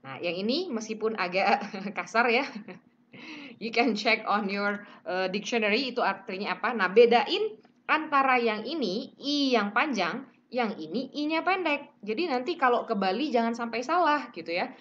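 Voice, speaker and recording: A woman's voice: a little high, lively intonation, normal speed, fairly bright tone, highs cut off, slight background noise. A woman teaching English pronunciation in a casual online lesson, chatting, mixing in English phrases and modelling sounds.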